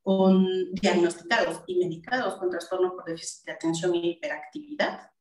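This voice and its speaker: A woman's voice: fairly low pitch, normal speed, a little mellow, reverberant, rough recording. A woman with a Mexican Spanish accent giving a video conference talk as a language specialist, chatty, with many fillers and restarts. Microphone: video call.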